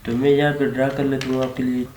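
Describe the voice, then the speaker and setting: A man's voice: medium pitch, little pitch movement, fast talker, a little mellow. A man with a Pakistani Urdu accent teaching a screen-recorded coding lesson, explaining steadily and often adding a "theek hai na" check. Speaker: programming tutor. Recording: echoey room with faint hiss. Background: keyboard typing and mouse clicks.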